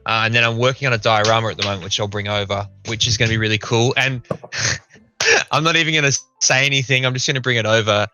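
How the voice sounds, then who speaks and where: A man co-hosting a livestream, talking casually on a gaming headset while he paints miniatures, with a relaxed, rambling manner. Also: mid-range voice, fast, no room sound. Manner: relaxed, rambling, laughs often.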